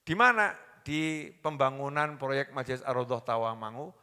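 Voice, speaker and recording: A man with a Javanese accent preaching a sermon, telling stories and acting out the voices of the people in them, going from soft to loud. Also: mid-range voice, normal speed, clean tone. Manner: storytelling, acts out quoted voices, swings between soft and loud. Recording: long hall reverb.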